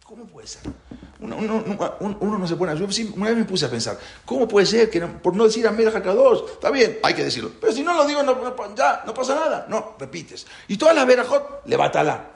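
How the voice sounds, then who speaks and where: A man teaching a religious class, talking in an animated way and asking rhetorical questions. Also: high-pitched, fairly quick, vocal fry. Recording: roomy echo.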